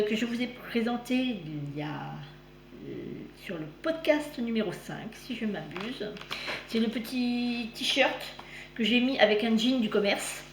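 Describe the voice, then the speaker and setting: A woman with a slight lisp on her s sounds, chatting casually as she hosts a magazine review vlog. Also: high voice. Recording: roomy echo, clear background noise.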